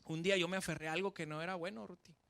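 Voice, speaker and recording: A man from Mexico with a Mexican accent, preaching a sermon as pastor with lively shifts between loud and soft. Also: high voice, rapid-fire, gravelly.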